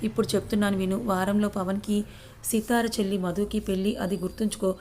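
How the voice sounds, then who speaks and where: A woman's voice: medium pitch, flat delivery, brisk, darkish tone, a little hiss or hum, close to an everyday voice. A woman voicing a stubborn, angry young husband who talks curtly, in a narrated love story. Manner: curt, stubborn.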